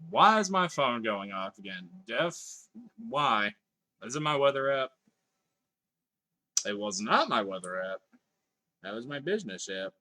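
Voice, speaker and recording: Here a livestreaming gamer talks in a sing-song, bright, forceful mid-range voice, a little slow and pausing often. He casually chats with viewers as he plays, reading their messages aloud and swearing from time to time.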